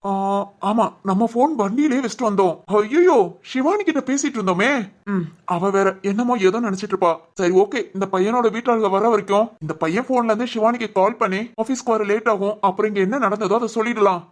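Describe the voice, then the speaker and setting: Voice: mid-range voice, a little fast, few pauses, lightly acted. A voice actor playing a young man in a cartoon who is exasperated, teasing and talks to himself. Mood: reassuring. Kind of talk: Tamil cartoon voice acting.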